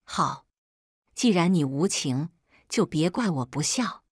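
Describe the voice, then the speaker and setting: A woman's voice: sits low, expressive, takes it slowly, slightly rough, dry recording, studio quality, heavily acted. A woman voicing a manipulative young pregnant daughter who pleads and stammers, in scripted storytelling. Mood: hostile.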